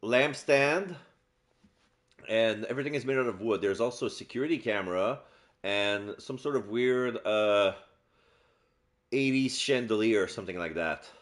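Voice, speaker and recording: A man doing casual let's play narration, describing game scenes aloud in a halting way. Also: fairly low pitch. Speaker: game streamer and voice-over player.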